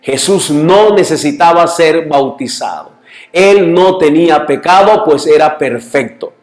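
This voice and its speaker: A man's voice: fairly high pitch, animated, unhurried. A man teaching a church Bible lesson, reading Scripture passages aloud and asking his listeners questions. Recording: echoey room.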